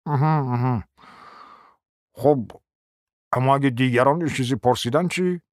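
A man's voice: medium pitch, no echo, clean studio sound, lightly acted. A man doing a meek, dim husband. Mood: hesitant. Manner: timid, hesitant questioning. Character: meek dim-witted middle-aged husband. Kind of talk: audiobook dramatic reading.

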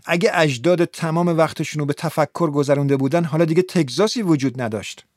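A man voicing a scolding, exasperated young woman in an audiobook, with a sharp manner. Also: a little high, no room sound, studio quality, close to an everyday voice. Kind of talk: audiobook character voice.

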